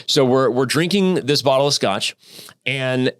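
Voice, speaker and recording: Animated, swearing man telling his story. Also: mid-range voice, measured pace, clean tone. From Arizona, United States. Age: 30s. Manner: animated, profane, many fillers and restarts. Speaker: podcast guest. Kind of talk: casual storytelling interview.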